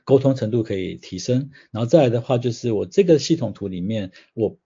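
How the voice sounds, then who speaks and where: A man's voice: mid-range voice, animated, fairly quick, dark tone, husky. A man, a guest explaining ideas patiently through everyday examples. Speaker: guest, systems change consultant. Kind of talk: explanatory interview answers. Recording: slightly dull audio.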